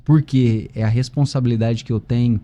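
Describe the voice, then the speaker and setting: A man's voice: medium pitch, fairly even intonation, a little fast, dark tone. A Brazilian man speaking with a swollen lip, hosting a conversational interview. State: swollen lip after a biopsy. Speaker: podcast host.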